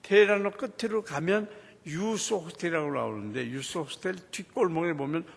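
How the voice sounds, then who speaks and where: A man with a high, husky voice tells his church testimony as a story. His pitch leaps up and down as he acts out the people in it. A long reverb hangs on his words, as in a large hall. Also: normal speed. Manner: animated storytelling, acting out quoted dialogue. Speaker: church deacon giving a testimony.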